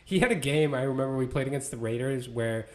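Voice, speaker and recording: Guy cohosting a football podcast, casual and rambly, lots of likes and restarts, mid pitch. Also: quick pace. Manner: conversational, many fillers and restarts. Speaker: podcast co-host. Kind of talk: casual sports chat.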